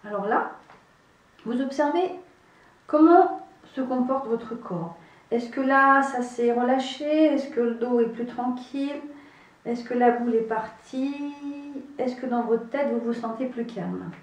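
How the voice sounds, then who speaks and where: Woman, EFT practitioner, calm repetitive guidance, higher voice, distant mic. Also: measured pace. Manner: calm, repetitive instructive phrasing. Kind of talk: guided EFT tapping demonstration. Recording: echoey room, voice from far off.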